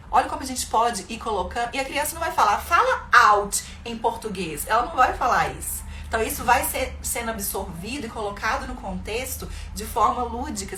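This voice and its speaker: A Brazilian woman giving parents advice in a live stream, talking lively and acting out little sound words playfully. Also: fairly high pitch. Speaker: bilingual parenting educator. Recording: echoey room with faint noise.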